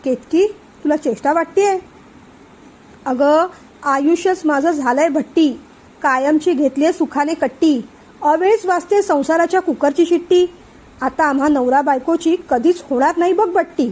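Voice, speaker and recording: A woman's voice: sits high, normal speed, a little mellow, lightly acted. A woman reading a sulky, fed-up young husband. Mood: aggrieved. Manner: melodramatic, rhyming complaints. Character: young married man, sulky and fed up with his wife.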